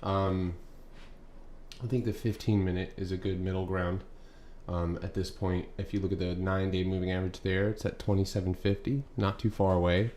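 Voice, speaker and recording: The voice is low and a bit mellow, delivered flatly at a moderate pace: a young man hosting a live trading stream with market commentary. He rambles casually, full of ums and uhs, and the echoey room carries faint background noise.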